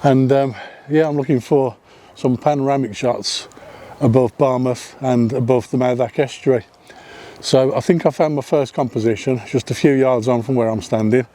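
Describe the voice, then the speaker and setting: Walking outdoors on a hillside path overlooking a seaside town, a non-Welsh man narrates his photography vlog. His mid-range voice is steady and dark in tone at a normal speed, and his chatty talk is full of ums and self-corrections.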